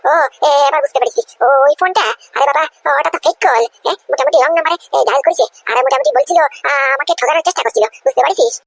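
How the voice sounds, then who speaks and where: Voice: sits high, expressive, racing, creaky, hardly any pauses, dry recording. A performer voicing a greedy middle-aged aunt in a cartoon comedy, stammering and talking her way out of a lie. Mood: blustering. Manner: stammering, nervous, then bragging.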